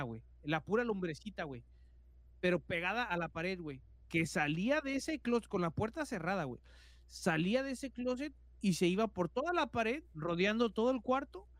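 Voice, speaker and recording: A Mexican man with a high voice, co-hosting a podcast and spinning a scary story in relaxed everyday speech. He fills nearly every phrase with slang and mimics the sounds himself. The recording is dry and close. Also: no echo. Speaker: podcast co-host. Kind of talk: casual horror storytelling.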